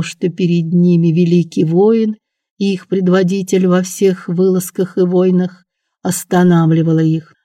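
Audiobook narrator, dramatic reading, warm dry sound. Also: mid-range voice, no room sound. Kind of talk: scripted narration.

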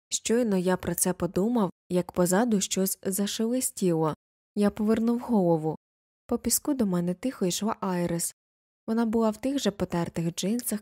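A woman reading a novel aloud as an audiobook narrator, in an even storytelling manner. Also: mid-range voice, no room sound, clean studio sound.

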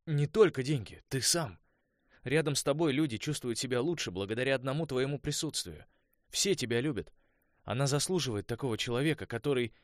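A man's voice: mid-range voice, lively intonation, fairly quick, dry recording, clean studio sound, voice pushed up, close to an everyday voice. A male audiobook reader voicing an anxious young man who speaks tensely and defensively. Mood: earnest. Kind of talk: audiobook dialogue reading.

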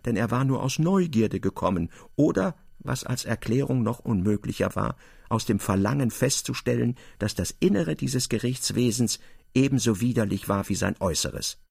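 A man giving expressive scripted narration in a literary radio drama. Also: mid-range voice, moderate pace, gravelly, breathy edge, no room sound, clean studio sound.

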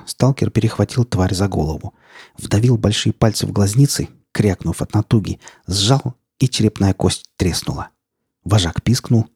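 A man reading an audiobook as narrator, in a tense, gritty storytelling manner with steady, measured delivery. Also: fairly low pitch, breathy edge, dry recording, studio quality.

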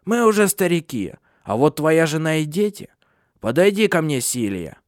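A man's voice: a little high, big pitch swings, moderate pace, dry recording, studio quality, voice pushed up. A man voicing an ancient bedridden witch, an old woman who talks sharply and scornfully in an audiobook. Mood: scolding. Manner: sharp, scolding, imperious. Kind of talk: audiobook character voice.

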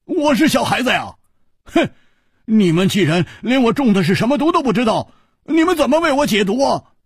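A man's voice: very high-pitched, very animated, brisk, slightly rough, no echo, studio quality, pitched above the performer's own voice, full character voice. A man voicing a brash, carefree young swordsman who blusters and stammers. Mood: defiant. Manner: loud, boisterous, stammering fillers. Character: brash carefree young male swordsman, poisoned yet joking.

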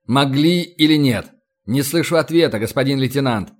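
A man's voice: medium pitch, moderate pace, lightly acted. Stern navy captain, read by a man. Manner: clipped commanding orders. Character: stern middle-aged male navy captain.

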